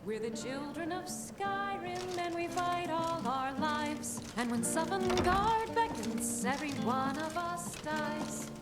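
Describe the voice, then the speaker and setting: Tavern bard, high singing voice, slow heroic ballad, roomy sound over loud music. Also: female voice, expressive, full character voice. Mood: proud, rousing. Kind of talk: singing fantasy folk ballads.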